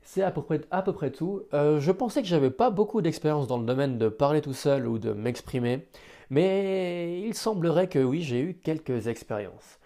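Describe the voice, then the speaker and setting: A man improvising a solo podcast, hesitant and self-deprecating as he thinks aloud, with careful, deliberate articulation. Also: on the high side, animated, dark tone. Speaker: amateur podcast host.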